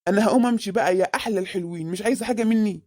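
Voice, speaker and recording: A woman's voice: medium pitch, very fast, warm tone, dry recording, studio quality, natural voice. A woman voicing a scheming middle-aged married man in a comic cartoon, with an Egyptian accent and a sweet-talking, evasive manner. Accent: Egyptian Arabic.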